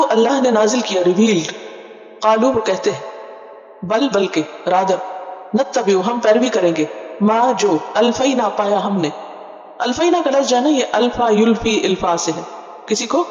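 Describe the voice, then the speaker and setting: A woman's voice: fairly high pitch, a little mellow. Woman teaching scripture in an echoey hall. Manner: asks listeners questions and answers them herself; explains terms patiently, mixing in English glosses. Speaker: Quran teacher. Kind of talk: word-by-word scripture tafseer lesson. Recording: echoey hall, dull lo-fi sound.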